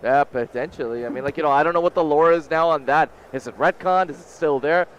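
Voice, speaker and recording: A man's voice: fairly high pitch, fast, highs cut off, slight background noise. A man commentating a live fighting-game tournament, laid-back and hyped, full of "man" and "you know". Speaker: esports commentator.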